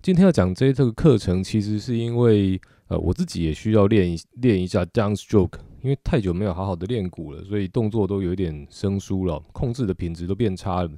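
A man's voice: deep voice, animated, brisk, hardly any pauses, dark tone, no room sound, clean studio sound. A middle-aged man with a Taiwanese Mandarin accent, explaining drumming technique patiently in a video lesson, with frequent filler particles. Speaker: drum teacher.

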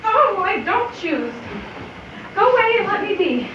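A woman's voice: very high-pitched, big pitch swings, a little slow, full character voice. A young woman playing a shy but proud, stubborn girl of marrying age in a stage play, earnest and emphatic. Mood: petulant. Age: young adult. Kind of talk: live stage play acting. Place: theatre in the round, far camera. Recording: muffled, noisy camcorder, echoey theatre, distant.

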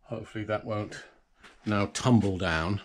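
A middle-aged man filming a casual video diary on his farm. He explains each step, pausing and correcting his own words. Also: lowish voice. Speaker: farm restorer vlogging his progress. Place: old stone barn and farmland, outdoors. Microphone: phone camera at arm's length.

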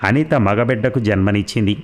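A man narrating a serialized audio story in a steady, even manner. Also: on the low side, brisk.

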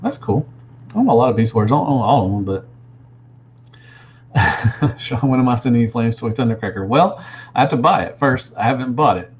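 This toy reviewer, a thirtysomething man with a Southern drawl, fields live chat on a livestream from a small room at home over a gaming headset. His mid-range voice sounds relaxed and rambling, full of drawn-out fillers and "man," while the audio has its highs cut off and a little hiss or hum.

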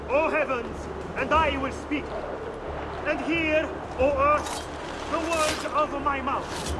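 An actor playing a fanatical preacher in a video game, proclaiming doom to townspeople like a town crier in zealous, declamatory sermon style. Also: male voice, very high-pitched, heavy background noise. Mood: reverent, proclaiming. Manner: declamatory, zealous, drawn-out oratory.

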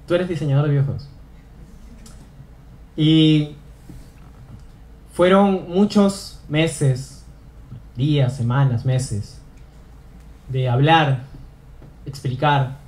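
A man's voice: a little high, darkish tone. A young man giving an earnest motivational talk on stage, repeating phrases for emphasis. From Peru. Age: young adult. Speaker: student speaker. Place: auditorium stage.

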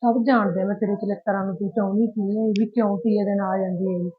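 A woman's voice: medium pitch, steady tone, fast, a little hiss or hum, natural voice. A woman playing a married daughter who visits her parents' home, aggrieved and emotional, with a Punjabi accent. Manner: complaining, hurt and emotional. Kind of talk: village short-film acting. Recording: tinny phone-like sound.

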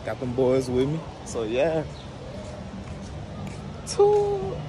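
Vlogging casually to a phone or action camera at arm's length, this young man is slangy, upbeat and emphatic, his pitch swooping wildly and his words drawn out. The handheld recording is noisy, with a rumble in the background.

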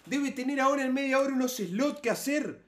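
A man's voice: very high voice, animated, a little fast, fairly bright tone. A man with an Argentine Spanish accent, a streamer giving indignant, colloquial commentary while reacting to a video. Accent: Argentine (Rioplatense) Spanish.

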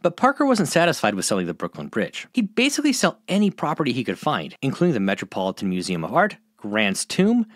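A man's voice: fast, few pauses, no room sound, studio quality. A man narrating a scripted history explainer in a playful, storytelling manner. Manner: playful, highly animated storytelling with wide pitch swings. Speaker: host of a history fact channel.

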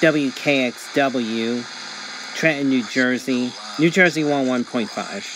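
Sitting at a table indoors, a male reviewer gives a casual, methodical, matter-of-fact hands-on demonstration. His voice is medium-pitched and a little slow, and the background is noisy, with a radio playing.

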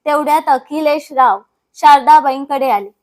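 A woman reads a scripted family story aloud with a steady, dramatic delivery. Her voice sits high and clear. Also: moderate pace. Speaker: story narrator.

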